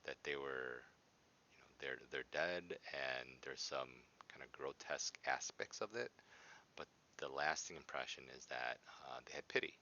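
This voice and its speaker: A man's voice: very deep voice, moderate pace, sharp tone, slight background noise. A man teaching in an informal walkthrough style, explaining hesitantly and often checking in with a tag question. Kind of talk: informal lesson walkthrough of a reading passage. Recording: dull, lo-fi sound.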